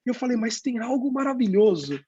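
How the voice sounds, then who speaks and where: A man's voice: high voice, darkish tone, husky, no room sound, lo-fi sound. A man, a pastor, telling stories of sharing his faith and acting out the conversations. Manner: storytelling, acts out dialogue, pauses with "né?". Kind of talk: testimony in a youth talk.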